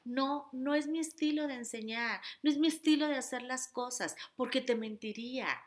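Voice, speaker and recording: A woman's voice: sits high, normal speed. A woman self-help coach giving a motivational teaching talk, speaking expressively and straight to the listener.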